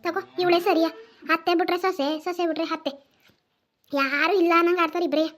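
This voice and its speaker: A woman's voice: extremely high pitch, fairly even intonation, fast. A woman voicing a quarrelsome village woman in a cartoon, bickering sharply. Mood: grumbling. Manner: grumbling, sharp-tongued bickering. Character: quarrelsome village woman sweeping her doorstep. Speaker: cartoon character. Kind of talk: cartoon voice acting.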